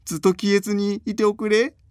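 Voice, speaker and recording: Man playing a sick old man, bedridden, high quavering voice, very slow, gravelly. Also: lively intonation, no room sound, studio quality, full character voice. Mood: delighted. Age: older.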